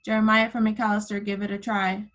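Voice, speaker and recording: A woman with a level, fairly bright mid-range voice talks a little fast as she teaches kindergartners online. Over a video call on her computer microphone, she keeps the young children engaged with simple prompts and endearments.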